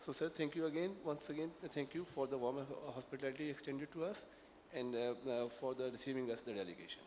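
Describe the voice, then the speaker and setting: A man giving formal welcome remarks as an academy program director, measured and pausing often on "uh". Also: medium pitch, darkish tone. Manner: measured, with frequent "uh" hesitations. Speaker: academy program director leading a visiting delegation. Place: official meeting hall. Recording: reverberant hall with faint room noise.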